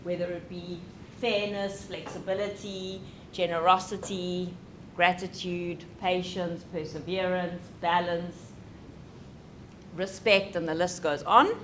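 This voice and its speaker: Animated woman giving a parenting talk. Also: on the low side, slow pace, a little hiss or hum. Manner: animated, conversational, checking in with the audience. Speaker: speaker. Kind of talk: lecture.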